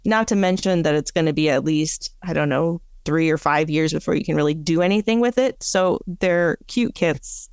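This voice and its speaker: Matter-of-fact podcast co-host, clear voice. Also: mid-range voice, moderate pace, few pauses, no echo, studio quality. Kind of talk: casual chat.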